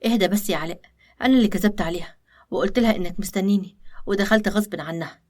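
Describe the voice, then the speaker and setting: A woman with an Egyptian accent voicing a scheming young woman who pleads insistently with the man she loves, in an animated story. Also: mid-range voice, rapid-fire, natural voice. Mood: pleading. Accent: Egyptian Arabic.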